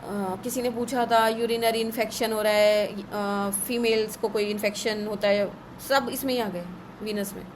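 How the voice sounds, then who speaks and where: A woman teaching an astrology class in a live online session, brisk and a little scolding as she runs through lists. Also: medium pitch, fairly even intonation, a little hiss or hum, poor audio.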